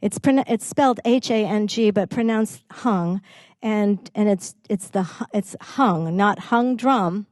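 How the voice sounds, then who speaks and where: A woman musician casually introducing instruments between songs, friendly and halting, with fillers and small laughs. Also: mid-range voice, darkish tone, no echo.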